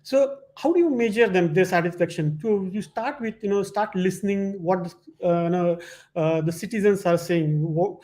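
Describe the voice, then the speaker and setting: Male presenter, moderately high pitch, informal explanatory slide talk with hesitant, repetitive phrasing. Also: dark tone. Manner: hesitant, halting phrasing with frequent repetition and "you know".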